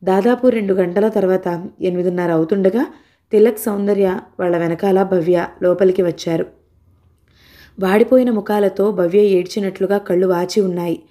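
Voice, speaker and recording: A woman reads an audio novel aloud as the storyteller, calm and measured. Her voice is mellow and warm, at an ordinary pitch.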